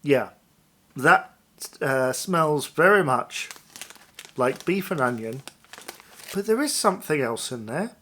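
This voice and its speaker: A man's voice: on the high side, expressive, takes it slowly, long pauses, bright, forceful tone. A man hosting a casual taste-test review to viewers, thinking aloud in a tentative, musing way. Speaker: food review vlog host.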